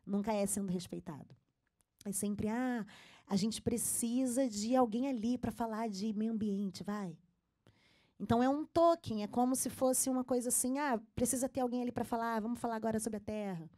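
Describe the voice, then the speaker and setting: Female panelist, mellow tone, earnest and emphatic delivery. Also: a little high. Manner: earnest, emphatic, frequent fillers. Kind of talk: panel talk. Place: symposium stage.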